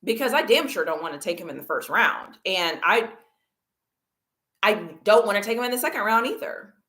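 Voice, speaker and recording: An animated woman hosts a casual sports livestream and talks straight to her chat. She argues with emphatic repetition, and her voice swings widely in pitch. She sits at a middle pitch for a woman. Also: normal speed. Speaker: livestream host. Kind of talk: casual football talk livestream.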